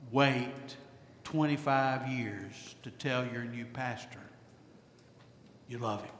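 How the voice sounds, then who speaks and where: Casting: high-voiced man delivering a sermon, deliberate and emphatic, echoey church hall. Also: a bit bright. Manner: slow, emphatic, repetitive phrasing. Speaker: pastor.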